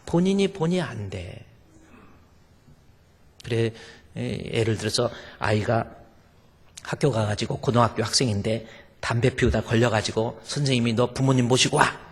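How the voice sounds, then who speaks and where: A male pastor with a husky mid-range voice preaches to his congregation at a moderate pace, pausing often. His sermon is emphatic and packed with rhetorical questions. Long reverb fills the church sanctuary.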